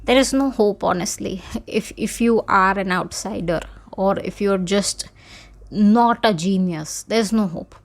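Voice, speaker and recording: A woman's voice: mid-range voice, measured pace, no room sound. A young woman with an Indian accent, hosting her own show, talking frankly and casually and switching into Hindi mid-sentence. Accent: Indian English. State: out of breath. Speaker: podcast host. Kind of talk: candid casual monologue.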